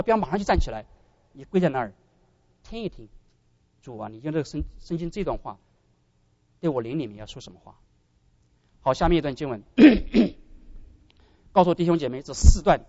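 A man preaching a sermon as pastor, animated and often addressing his brothers and sisters. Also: a little high, dry recording, dull audio.

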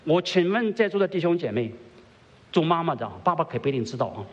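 Animated pastor preaching in a reverberant hall. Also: male voice, on the high side, quick pace, highs cut off. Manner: rhetorical questions to the congregation, swings between soft and emphatic; drops English words into his speech. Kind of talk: sermon. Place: church service before a congregation.

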